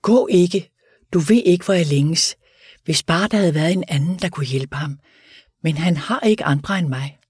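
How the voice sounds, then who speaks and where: Male reader as dying convict, longing and eager, higher raised delivery. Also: husky, dry recording.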